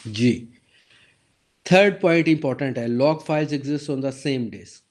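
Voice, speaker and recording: A man lecturing on databases with a sore throat and an occasional cough, explaining step by step, asking the class questions and reading slide text aloud slowly. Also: medium pitch. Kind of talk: recorded lecture over slides.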